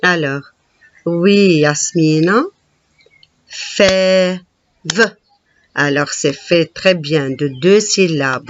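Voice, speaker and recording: Teacher, woman, very slow and patient, counts syllables aloud, dull lo-fi recording. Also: low voice, dry recording. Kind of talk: classroom reading lesson.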